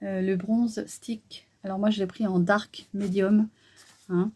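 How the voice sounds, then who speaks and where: Middle-aged female vlogger, mellow tone, casual haul chatter with lots of hesitations. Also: medium pitch, level tone, slow pace. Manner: chatty, hesitant, many fillers. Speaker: beauty vlogger.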